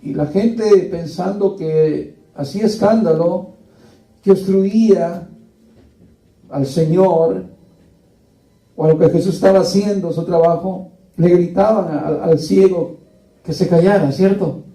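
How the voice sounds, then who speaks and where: High-voiced preacher in an echoey hall. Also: male voice, takes it slowly, pauses often, mellow. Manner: rhetorical questions to the congregation, addresses listeners as brothers. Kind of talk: sermon. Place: church hall. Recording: echoey room, distant mic.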